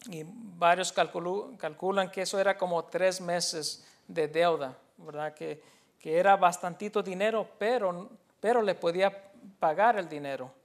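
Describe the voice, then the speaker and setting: High-voiced man preaching a bilingual sermon. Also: a little slow. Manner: explains a passage, then repeats the point in a second language; earnest, teacherly, hesitant fillers and restarts. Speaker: pastor.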